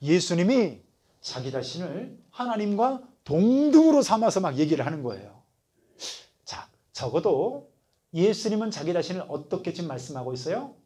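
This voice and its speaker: Lively husky-voiced male pastor. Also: high voice, moderate pace. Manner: conversational, keeps asking the listeners questions. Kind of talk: Bible study lecture.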